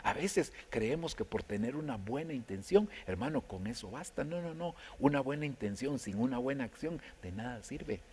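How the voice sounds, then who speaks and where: A man's voice: medium pitch, expressive, moderate pace, hardly any pauses, a little mellow, a little hiss or hum. A man pastor preaching a conversational sermon, often turning to his listeners directly. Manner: conversational preaching, addresses listeners as brother, many restarts.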